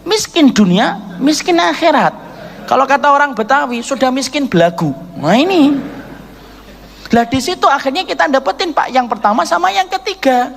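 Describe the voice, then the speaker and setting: A man's voice: very high-pitched, very animated, normal speed, creaky, a bit bright, big-room sound. A man preaching a midday radio sermon, telling stories, acting out dialogue and calling his listeners "Pak". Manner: storytelling, addresses listeners as Pak, acts out dialogue. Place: radio studio or mosque hall.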